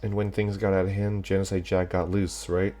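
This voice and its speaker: A man voicing an upset young woman who quietly explains herself, in a visual novel reading. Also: sits low, flat delivery, fairly quick, soft background music, lightly acted. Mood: rueful. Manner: soft, rueful.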